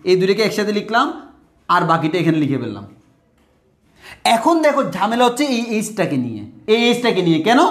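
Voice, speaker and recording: A man tutors math at a whiteboard in a fairly high voice. He calls his students brother, says phrases twice and slows right down on each formula. The room around him is echoey. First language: Bengali.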